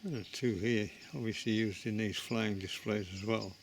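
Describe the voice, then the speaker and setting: A man's voice: lowish voice, steady tone, moderate pace, noisy background. A man giving a casual, chatty walking commentary at an outdoor animal centre, musing and breaking off mid-sentence as he films. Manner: chatty, musing, self-interrupting. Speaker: vlogger touring a bird and animal centre.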